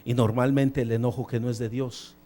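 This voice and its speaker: A male pastor preaching a sermon in a church. He talks in animated bursts, swinging between loud emphasis and quiet asides, and drops in English phrases now and then. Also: medium pitch, brisk. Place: church sanctuary.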